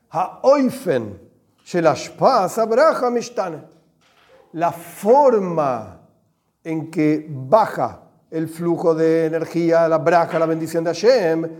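High-voiced Argentine man teaching. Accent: Argentine Spanish. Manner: animated and joking, mixes in Hebrew terms. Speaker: religious teacher. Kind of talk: lively class with everyday examples.

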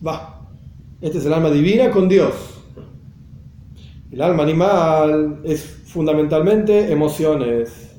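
Male teacher, high mellow voice, patient explainer, echoey room. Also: slow pace, pauses often. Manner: explanatory, repeats phrases, mixes in Hebrew and Yiddish terms. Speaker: Torah teacher.

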